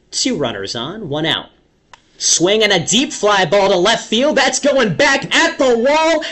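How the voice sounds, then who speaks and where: A young adult man does baseball play-by-play in radio commentary style, drawing out big moments for dramatic effect. His voice is very high and fairly bright.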